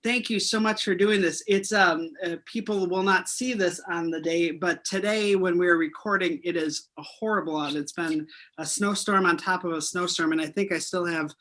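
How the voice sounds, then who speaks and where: A man's voice: sits high, fairly even intonation, moderate pace, bright, forceful tone. A man hosting an interview, chatty and friendly, often restarting his sentences. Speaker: interview host. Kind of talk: casual interview.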